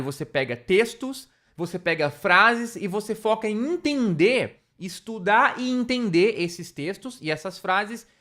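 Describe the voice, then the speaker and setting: A man's voice: high voice, sharp tone. A man teaching an online English lesson, stressing and repeating key points and checking in with "tá?".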